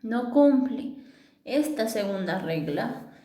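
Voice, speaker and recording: Slow, patient woman teacher, echoey room. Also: fairly high pitch, animated, mellow. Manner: patient, repeats rules, checks understanding with "¿verdad?". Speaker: English teacher. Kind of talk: classroom grammar explanation.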